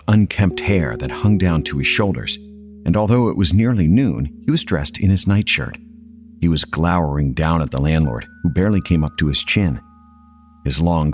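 A man with a very low voice narrating a story in a steady, measured way. Faint music sits in the background.

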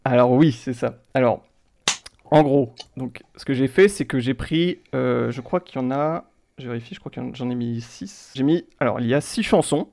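A man running a casual quiz show for his friends. He talks in a chatty, loose way, restating the rules more than once and reading out lyrics in a deliberately flat voice. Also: medium pitch, gravelly. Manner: chatty, repeats himself, reads lyrics flatly. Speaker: quiz host.

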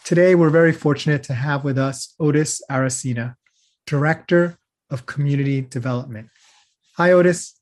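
A man's voice: fairly high pitch, normal speed, a little mellow. A man hosting a podcast interview, upbeat and friendly, moving from a scripted intro into casual questions. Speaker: podcast host.

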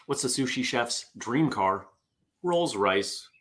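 Taking his time, the middle-aged host of a relaxed morning show reads corny jokes aloud in an expressive, mid-range, slightly bright voice. He's chatty and pokes fun at himself as he goes.

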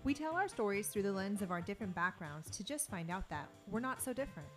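A woman's voice: medium pitch, expressive, fast, soft background music. A woman co-hosting a podcast, introducing the show and a guest in a friendly way. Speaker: podcast co-host.

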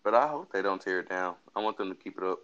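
Tired, very deep-voiced young man. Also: expressive, a bit bright, dull audio. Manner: laid-back, hedging, unhurried. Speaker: co-host. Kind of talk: casual late-night chat.

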